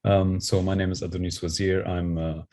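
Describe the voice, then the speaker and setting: A man's voice: low-pitched, little pitch movement, fairly quick, mellow. A young man from Lebanon, a junior doctor, politely introducing himself on a video call. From UAE and Lebanon. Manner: polite, grateful.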